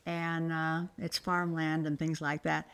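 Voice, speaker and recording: A woman with a slightly low voice answers questions as a local interviewee. Her delivery is casual and conversational. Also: monotone, measured pace, a bit bright, clear, resonant tone.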